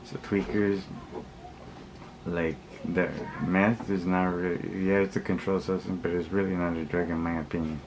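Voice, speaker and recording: A low-voiced man with a flat delivery talks casually to his viewers as a vlogger, offering opinions in blunt, slangy street talk. He rambles, halts, repeats himself, and keeps backtracking, all over clear background ambience.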